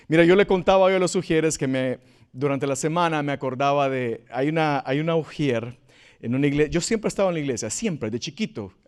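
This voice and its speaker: Male preacher, thirties, high voice, animated storyteller who mimics the people he quotes. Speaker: pastor. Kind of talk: sermon.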